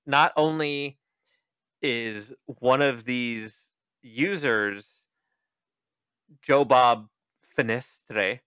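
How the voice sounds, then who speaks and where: A man hosting a podcast, casually recapping a book in an animated, joking way, cursing freely and acting out quoted lines. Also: medium pitch, very slow, long pauses, smooth, no room sound, clean studio sound. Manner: animated, profane, joking, with exaggerated quoted voices. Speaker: podcast host.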